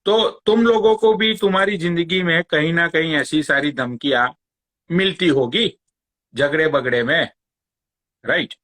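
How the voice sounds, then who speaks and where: A man's voice: fairly high pitch, a little slow, a bit bright. A man hosting a live stream, ranting sarcastically and taunting a rival, swearing often. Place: Long Island, New York.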